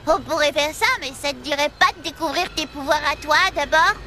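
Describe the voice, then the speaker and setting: A cheeky young cartoon boy with a very high, bright, squeaky voice. He sounds brash and mischievous, bragging like a little superhero. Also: a little fast, a little hiss or hum. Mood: teasing. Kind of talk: dubbed cartoon game dialogue.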